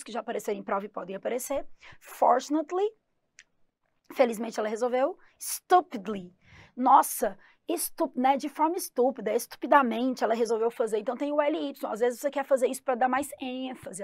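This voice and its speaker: A woman English teacher from Brazil giving a lively exam-prep lesson, stressing English words slowly and clearly. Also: fairly high pitch, no room sound, studio quality.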